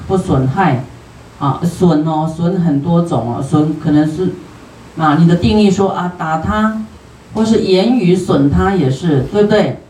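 Slow, roomy Taiwanese Mandarin Buddhist lecture. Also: mid-range voice, a little mellow, a little hiss or hum. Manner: homely, chatty, peppered with drawn-out particles. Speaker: Buddhist teacher. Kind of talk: sutra lecture sermon. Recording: roomy hall, distant from the mic.

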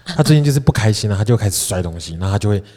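A man in his thirties co-hosting a casual podcast, telling stories in a lively way. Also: on the low side, very fast, in a large hall. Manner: lively storytelling. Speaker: podcast co-host. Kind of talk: casual chat.

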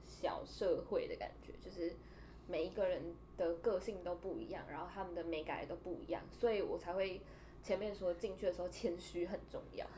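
A woman co-hosting a podcast tells a funny story in a casual chat, her fairly low voice running a little fast. She's animated, laughs often and acts out the quoted dialogue. Slight background noise is present.

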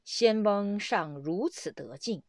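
Brief: a female Buddhist teacher telling a story, slow and animated, dry close recording. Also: medium pitch, no echo. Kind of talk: storytelling sermon.

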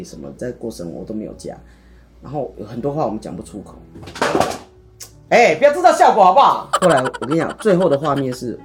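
Cohost telling a story fast n dramatic, doing all the lines, soft guitar in back. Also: mid-range voice. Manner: animated, theatrical retelling with quoted dialogue. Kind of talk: casual chat, dramatic storytelling.

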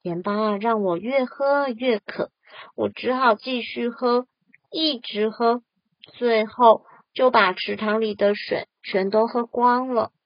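A woman voicing a big elephant in a storybook, talking slow and apologetic. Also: on the high side, no room sound, lo-fi sound. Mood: sheepish.

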